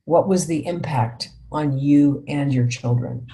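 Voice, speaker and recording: A woman's voice: deep voice, measured pace, warm tone. A woman leading a parenting workshop, talking reflectively, often checking in with "right?" and posing guiding questions to her listeners. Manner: reflective, tags points with "right?". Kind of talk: guided workshop teaching.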